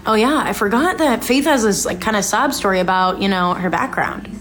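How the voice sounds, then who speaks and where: A woman's voice: mid-range voice, fairly quick, a crowd in the background. A young woman hosting a podcast, chatting casually and reacting live as she watches a show. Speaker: podcast host. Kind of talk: casual recap chat.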